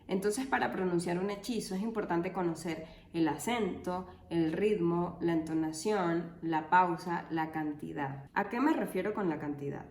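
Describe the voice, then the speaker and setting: A woman explains language topics casually, slipping in dry, deadpan jokes. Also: on the low side, reverberant, slight background noise. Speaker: linguistics educator. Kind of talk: casual educational video.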